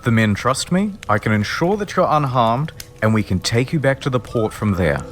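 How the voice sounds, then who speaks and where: A man voicing a polite, measured pirate officer who speaks formally, over background music. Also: mid-range voice, expressive, natural voice. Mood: calm. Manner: polite and measured, says "sir". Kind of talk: comedic history video voice acting.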